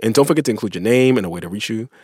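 A man's voice: lowish voice, animated, racing, a little mellow, slightly rough, dry recording, clean studio sound. A man hosting a podcast in an informal, slangy, conversational way. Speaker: podcast host.

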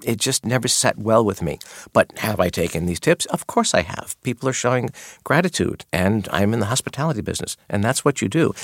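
In a studio-quality recording with no room sound, a middle-aged former maitre d' answers interview questions at a medium pitch. He tells his stories earnestly, quoting guests as he recounts them.

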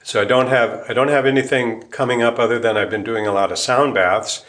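This medium-pitched American man talks briskly, with fairly even intonation and a slightly bright quality. He's a musician and Buddhist priest being interviewed, and he responds in a relaxed, reflective way, rephrasing and working through ideas out loud.

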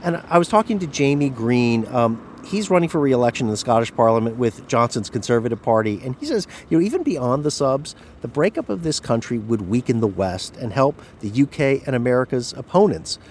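A man's voice: medium pitch, very animated, a little fast, few pauses, darkish tone, a little hiss or hum. Male correspondent explaining in conversation. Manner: conversational, explanatory with small restarts. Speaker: radio correspondent. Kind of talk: reported news conversation.

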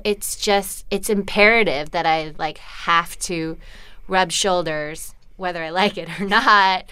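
A woman's voice: on the low side, slow, bright, forceful tone, clear, resonant tone, dry recording. A woman who grew up with Korean as her first language, chatting as an interview guest in a rambling, self-deprecating way. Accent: American. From born in Los Angeles to Korean parents. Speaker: actress guest. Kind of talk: casual interview chat.

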